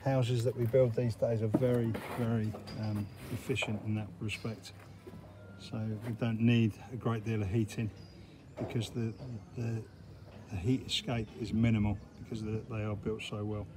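A man's voice: on the low side, level tone, moderate pace. Man on a noisy building site. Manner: practical, explanatory, often says "obviously". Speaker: construction site manager. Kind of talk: guided site walk-through. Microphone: handheld phone camera. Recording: loud outdoor site noise. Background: outdoor noise and vehicles.

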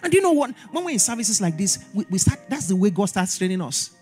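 A man preaching a sermon at a church service, animated and repeating his exhortations, acting out little dialogues. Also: high-pitched, fast, faint music behind. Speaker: pastor.

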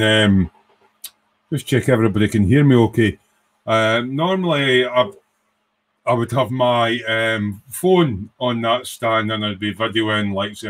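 This Scottish man in his sixties has a medium-pitched, slightly bright voice. He's a hobbyist hosting a casual, rambling livestream chat, speaking informally from a small home workshop room.

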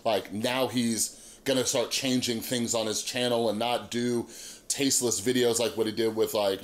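A man in his thirties hosting a YouTube channel, giving casual, earnest opinion commentary and often checking that listeners agree. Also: lowish voice. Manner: earnest, emphatic, seeks agreement with frequent rhetorical tags. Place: small indoor room with monitors.

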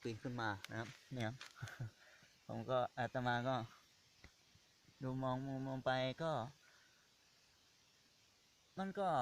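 A man's voice: mid-range voice, slight background noise. A man who is a Buddhist monk, talking casually on site beside a pond and stopping often to find his words. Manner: halting, searching for words, polite particles after nearly every phrase. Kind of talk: casual on-site video commentary. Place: outdoors beside a pond or pit.

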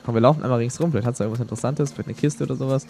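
A man's voice: medium pitch, rapid-fire, vocal fry, mellow, slight background noise. A young man giving casual gameplay commentary, thinking aloud in a slangy, rambling way. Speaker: let's player. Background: game music.

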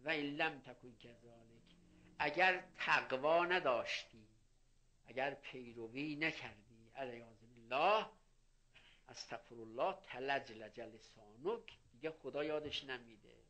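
An older male cleric delivers a religious sermon in a mid-range voice that sounds pushed and bright. He reads Arabic phrases, explains those quotes in plain Persian, and weaves in anecdotes.

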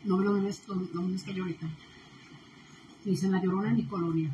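A woman making soft, quiet asides in a casual chat. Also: medium pitch, steady tone, fast talker. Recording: echoey room with faint noise.

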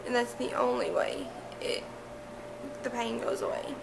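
A woman's voice: a little high, monotone, unhurried, vocal fry. A woman in her twenties chatting casually to a vlog camera at home, talking with a toothache and a swollen cheek. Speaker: family vlogger, mother. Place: indoors at home by a window. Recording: loud background noise.

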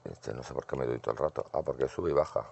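Male streamer, very low gravelly voice, mutters to himself through retro arcade play. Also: fast, a little mellow. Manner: muttering, talks to himself while playing. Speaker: gaming streamer. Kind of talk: casual gameplay commentary.

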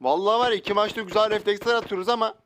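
A young man giving loud, joking commentary while playing a shooter game, often shouting out at sudden moments. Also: high voice, fairly even intonation, rapid-fire, a little hiss or hum. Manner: loud outbursts, joking, slangy. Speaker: gaming YouTuber. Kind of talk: excited gameplay commentary. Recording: faint game sounds and gunfire.

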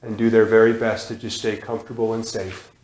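A man in his thirties preaching a sermon in a church sanctuary, repeating phrases with emphasis and sudden drops to a hush. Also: on the low side, little pitch movement, a little fast. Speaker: guest preacher. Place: church sanctuary, large indoor room. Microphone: far camera, room mic. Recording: echoey church hall.

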